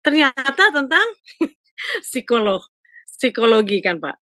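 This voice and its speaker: A woman's voice: on the high side, sing-song, takes it slowly, fairly bright tone, no room sound, studio quality. An older woman telling a pastor a personal story in a chatty way, often turning to him for agreement. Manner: chatty, keeps adding "Pak, ya". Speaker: caller asking a pastor. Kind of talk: casual storytelling.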